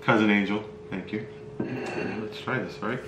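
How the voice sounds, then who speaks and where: A middle-aged man with a fairly low voice reviews food casually. He speaks in a halting, low-key way while tasting. The room is echoey, with faint noise behind him. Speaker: spicy food review host. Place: small bright room indoors. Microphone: camera mic across a table.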